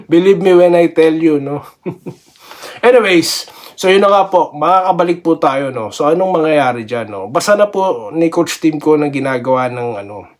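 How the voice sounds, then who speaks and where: A man's voice: on the high side, lively intonation, a little slow. A man talking about basketball in a casual vlog, chatty, laughing often and tagging his sentences with little questions. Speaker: basketball vlogger. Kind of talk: casual sports commentary vlog.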